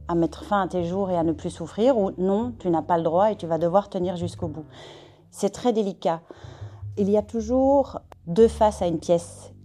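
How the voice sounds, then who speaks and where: Hesitant, mellow-voiced woman from Belgium. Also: medium pitch. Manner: hesitant, weighing words with many fillers. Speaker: discussion participant. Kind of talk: casual discussion.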